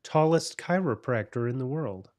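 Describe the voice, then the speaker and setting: Regular-pitched guy cohosting a podcast, chatty, tosses in random trivia. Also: expressive, moderate pace, darkish tone. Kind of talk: casual podcast chat.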